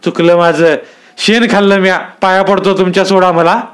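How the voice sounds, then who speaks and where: A man's voice: high-pitched, flat delivery, moderate pace, clean tone, voice pushed up, lightly acted. A male storyteller voicing a terrified village oil-presser who stammers and pleads for mercy. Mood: pleading. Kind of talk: dramatic storytelling.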